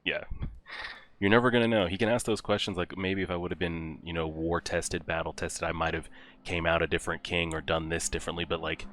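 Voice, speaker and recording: Deep, bright-toned man reacting animatedly. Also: fairly quick, a little hiss or hum. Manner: animated, exclaiming and talking to the characters. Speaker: reaction video host. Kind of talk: casual reaction commentary.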